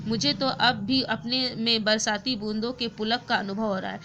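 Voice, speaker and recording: A woman's voice: fairly high pitch, steady tone, normal speed, sharp tone, lo-fi sound, slight background noise. A woman teacher voicing an earnest young village woman who pleads and questions her mother. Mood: pleading.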